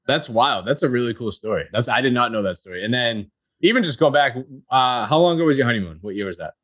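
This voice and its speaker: The host of a local business podcast reads an introduction, then chats loosely and in a friendly way with his guests in a casual interview. His medium-pitched voice is expressive, fast, fairly bright and husky, recorded in clean studio sound with no room sound.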